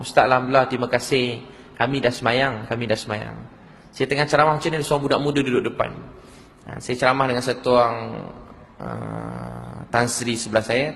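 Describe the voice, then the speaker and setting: A man's voice: mid-range voice, gravelly, fairly bright tone, in a large hall. A man with a Malaysian Malay accent preaching a sermon, telling stories and asking the audience questions. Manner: storytelling, asks the audience questions.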